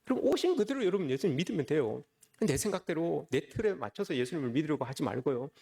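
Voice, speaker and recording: A man's voice: on the high side, sing-song, quick pace, creaky, warm tone. A man preaching a Sunday sermon as a pastor, often calling out to the congregation with rhetorical questions. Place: church service.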